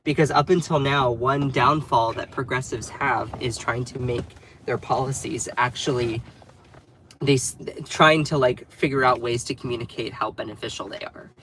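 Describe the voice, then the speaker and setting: A North Carolina man, a bit nasal as he recovers from a cold, hosts a casual political livestream and chats directly with his live chat. His voice is medium-pitched, steady and fairly bright at normal speed, and the rough recording has a little hiss or hum.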